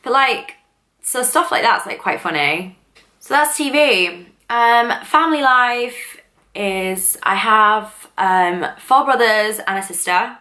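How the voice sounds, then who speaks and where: A woman's voice: a little high, takes it slowly, pushed and bright. A woman in her twenties from northern England, chatting casually and rambling to camera in a vlog, full of fillers. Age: 20s. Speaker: vlogger.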